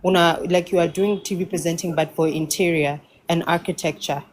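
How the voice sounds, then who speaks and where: A woman's voice: lowish voice, steady tone, brisk, a little hiss or hum. A woman with a South African accent, a guest chatting casually, articulate but often restarting her phrases. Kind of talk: casual conversation.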